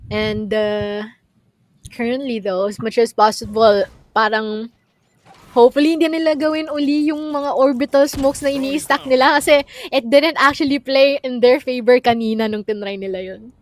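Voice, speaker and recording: A woman's voice: on the high side, no room sound. A woman with a Filipino accent giving esports caster commentary, moving between English and Tagalog.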